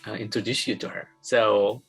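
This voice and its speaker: A man's voice: on the low side, fairly even intonation, moderate pace, breathy edge, faint music behind, low-quality recording. A man hosting a casual interview, friendly, laughing often and repeating himself as he talks. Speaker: interview host.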